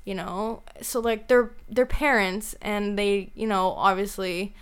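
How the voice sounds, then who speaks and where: A woman's voice: mid-range voice, steady tone, a little slow, clean tone. A young woman co-hosting a podcast, chatting casually and filling her talk with "like" and "you know". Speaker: podcast co-host. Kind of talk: casual chat.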